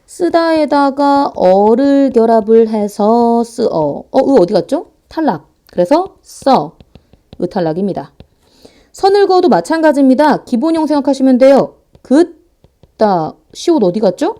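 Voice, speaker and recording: A woman teaching a grammar lecture online in a playful, animated way, talking fast and sometimes acting out students' voices. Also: sits high. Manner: talks fast to save time.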